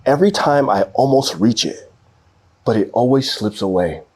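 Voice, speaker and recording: In a lively storyteller's manner, a man reads out a picture book for children. He speaks at a normal speed in a medium pitch with a breathy edge.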